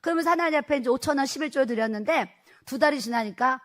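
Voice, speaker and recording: A middle-aged woman pastor giving a personal testimony sermon, telling her story in a lively way and acting out the dialogue. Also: high-pitched, rapid-fire.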